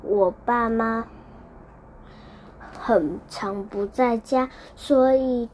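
A woman's voice: a little high, drawn-out words, darkish tone, slight background noise. A woman voicing a curious young child. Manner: earnest and wondering.

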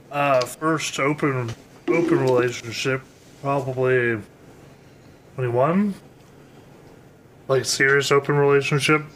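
A man co-hosting a podcast in casual chat, halting and stammering as he explains things. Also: mid-range voice, bright, forceful tone, a little hiss or hum. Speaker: podcast co-host.

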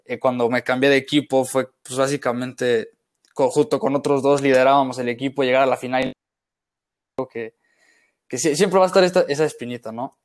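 A man's voice: mid-range voice, fairly quick. A man in his twenties with a Mexican accent, co-hosting a podcast and telling his stories in a rambling, reflective way. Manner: rambling and reflective, with frequent restarts. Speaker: podcast co-host. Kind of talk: casual chat.

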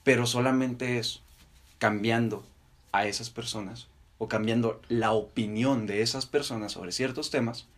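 A young man with a Mexican accent co-hosting a podcast, debating casually and deliberately in short, halting phrases. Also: medium pitch, fairly even intonation. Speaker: podcast co-host.

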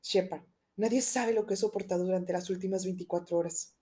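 A woman reading an audiobook, voicing an anxious middle-aged gentleman who confides in urgent, lowered tones. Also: fairly even intonation, fairly quick, natural voice.

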